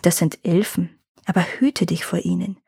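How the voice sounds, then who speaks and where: A woman voicing a big, protective male elk who speaks gravely and warns, in a husky voice. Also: lowish voice, steady tone, moderate pace, a little mellow, no echo, studio quality, heavily acted. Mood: warning. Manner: grave, warning, grumbling.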